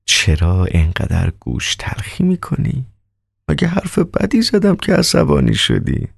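A man voicing a calm, polite male doctor who asks slow, soft, half-whispered questions. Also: medium pitch, gravelly, slightly rough, dry recording, studio quality, pitched above the performer's own voice, full character voice.

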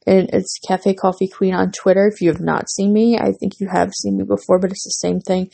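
A young podcast host talks casually on her own, a little fast and flat, rambling with frequent fillers and restarts. Her mid-range voice is husky and dark with a gravelly edge, and she sounds worn and congested, with a runny nose and a failing voice.

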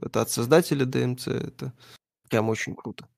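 A man's voice: medium pitch, brisk, gravelly, a little mellow, dry recording, studio quality. A man in his thirties co-hosting a casual gaming stream, reading viewer questions aloud and answering them offhand. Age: 30s.

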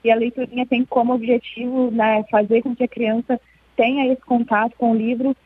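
A woman guest in an interview, explaining at length in a measured way with frequent hesitations. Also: a little high, level tone, slightly rough, no room sound. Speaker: interview guest, children's book club representative. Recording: thin phone-line sound.

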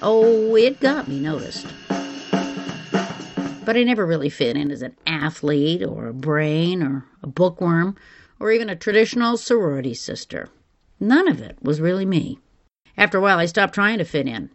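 A woman with a fairly low voice narrates as a podcast host, with music playing faintly underneath. Her delivery is scripted personal storytelling, phrased in a conversational way. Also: big pitch swings, moderate pace. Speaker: podcast host, former television reporter. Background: music bed.

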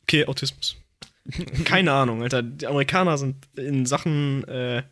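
A man's voice: medium pitch, moderate pace, a bit bright, no room sound. Young man, casual chat, slangy, joking, laughs a lot.

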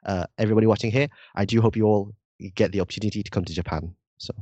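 A young Indonesian university student guests on a podcast and explains things earnestly in a casual interview, often tacking on "like" and "right?". His English sounds slightly British. His fairly low voice is steady and mellow and very fast, and the recording is dry and dull.

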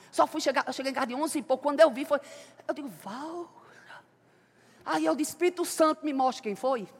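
In a church with a long hall reverb, a high-pitched woman with a breathy edge preaches a sermon built around personal testimony. She shifts between loud, fervent exclamations and quiet, intimate storytelling.

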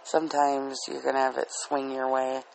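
A man's voice: medium pitch, completely flat delivery, moderate pace, vocal fry, slight background noise, poor audio. A man with a dry throat rambling casually and candidly as a solo podcast host, often putting himself down. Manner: candid and self-deprecating. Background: soft relaxing music.

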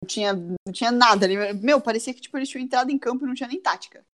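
Woman, Brazilian Portuguese accent, higher-pitched voice, animated slangy podcast host, casual sports chat. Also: rapid-fire.

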